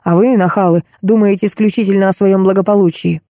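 A cantankerous old woman played by a female audiobook reader scolds and accuses in a grumpy, combative voice. The tone stays mellow and the recording is dry and close. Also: medium pitch, steady tone, fast talker, dry recording, natural voice. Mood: scolding. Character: cantankerous, combative elderly woman, a retired court archive clerk. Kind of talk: audiobook character voice.

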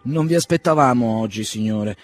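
A man's voice: mid-range voice, moderate pace, soft background music, close to an everyday voice. A man voicing an old household servant who is discontented and matter-of-fact. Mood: grumbling.

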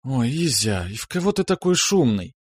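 Fussy young woman, scolding and coy, up high, read by a man. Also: unhurried, no room sound, studio quality, lightly acted. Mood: teasing.

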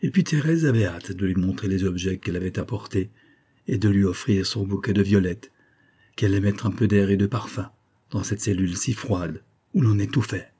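A man narrating a classic novel as an audiobook in a measured storytelling manner. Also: fairly low pitch, warm tone, breathy edge. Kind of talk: audiobook reading.

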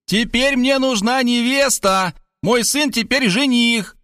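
A man putting on a shrill bossy mother. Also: animated, normal speed, fairly bright tone, no echo, clean studio sound. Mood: triumphant. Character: loud domineering older mother, scolding.

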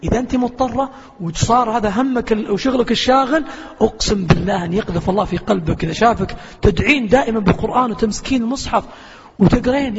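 A man giving a religious lecture and answering questions. He talks earnestly and emphatically, telling stories and swearing oaths. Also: extremely high pitch. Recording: echoey hall, dull lo-fi sound, faint hiss.

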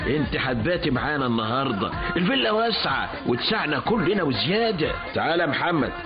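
An actor playing a wealthy older Egyptian father in a radio drama, affectionate but quick to anger. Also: on the high side, sing-song. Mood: tender. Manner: affectionate, bursts into angry commands. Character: wealthy older father, newly remarried, doting but stern. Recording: dull lo-fi radio recording with music.

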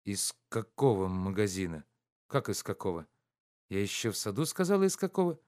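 A man's voice: lowish voice, normal speed. A man reading aloud and voicing a carefree, teasing young woman in an audiobook. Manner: lively, teasing, coaxing.

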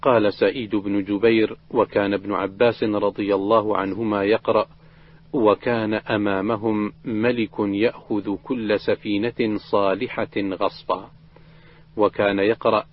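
A man reading a classical collection of prophetic traditions aloud in a steady, measured recitation, voicing the quoted dialogue plainly without acting it out. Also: on the low side. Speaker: reader of a hadith collection. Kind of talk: recited religious text reading. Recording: dull lo-fi recording.

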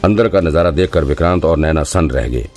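A man's voice: a bass voice, a little fast, a little mellow, soft background music. A man narrating a thriller audiobook in a dramatic storytelling manner. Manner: dramatic storytelling, voices all characters himself. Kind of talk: scripted narration.

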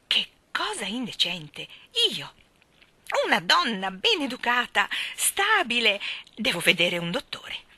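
A woman reading aloud and voicing a fussy elderly maid who cries out in shrill panic. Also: sing-song, slow pace, bright, forceful tone, breathy edge, dry recording, exaggerated voice. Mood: indignant.

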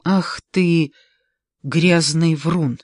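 A reader voicing an angry, sharp-tongued grown woman who shouts accusations at her family. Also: mid-range voice, fairly even intonation, drawn-out words, no echo, studio quality. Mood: furious. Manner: raised, biting, accusing.

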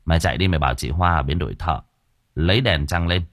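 A man's voice: deep voice, fast, fairly bright tone, no room sound, studio quality. A man voicing a firm male construction foreman who speaks in a commanding way.

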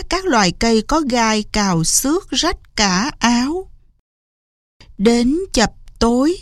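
A woman narrating a fairy tale in an expressive, unhurried storybook reading. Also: fairly high pitch, dry recording, clean studio sound.

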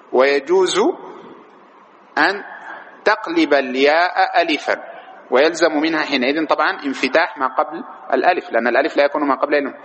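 A man's voice: medium pitch, a bit bright. A man gives a classroom grammar lesson, explaining step by step and checking in with his students. He stretches out example words when he repeats them. The recording sounds dull and lo-fi, with a faint hiss of room noise behind him. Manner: explains patiently, asks the class questions. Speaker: grammar teacher. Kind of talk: classroom lecture on Arabic grammar.

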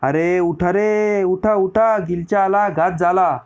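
A man reading a story voices startled camp guards raising a loud alarm. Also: sits high, steady tone, slow pace, voice pushed up. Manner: loud urgent shouting.

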